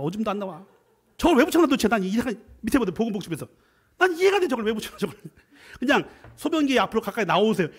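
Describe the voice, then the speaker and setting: Middle-aged male guest preacher, high voice with big swings, jokey and animated, shifts between loud bursts and quiet asides. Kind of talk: animated Friday prayer sermon.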